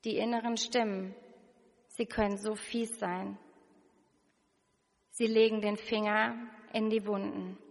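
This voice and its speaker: A woman's voice: mid-range voice, flat delivery, slow pace, gravelly, pauses often, big-room sound. A woman preaching a sermon, reading scripture and asking the listener searching questions in an earnest way.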